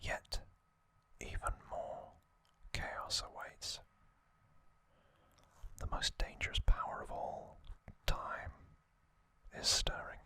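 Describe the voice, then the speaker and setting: The host of an ASMR channel, a man, reads aloud and narrates trivia in a gentle, breathy whisper. He speaks deliberately, in brief phrases with pauses between them.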